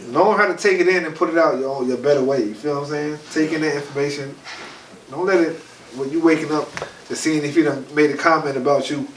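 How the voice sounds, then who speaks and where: A podcast co-host with a stuffed-up nose and a fairly high voice talks fast in a laid-back, chatty way, frequently saying "you feel what I'm saying" during casual podcast chat. He's recorded from a distance in an echoey room with faint noise.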